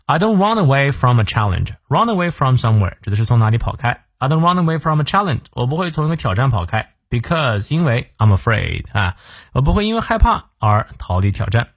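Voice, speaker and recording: A man's voice: mid-range voice, sing-song, a little fast, no room sound, studio quality. A man hosting a short daily English lesson, reading a quote and explaining it phrase by phrase. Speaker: English teacher.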